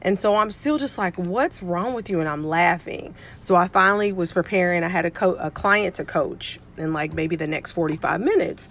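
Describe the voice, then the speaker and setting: A woman's voice: lowish voice, normal speed, few pauses, fairly bright tone, slight background noise. A middle-aged woman, a pediatric nurse and life coach, telling a story casually to camera and acting out what people said. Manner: chatty, acts out quoted dialogue.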